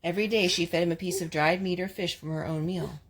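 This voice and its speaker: This woman's voice is lowish and steady in tone, and she reads quickly. She brings expression to a children's storybook and chats casually with the children between lines, in a noticeably noisy home recording full of clicks.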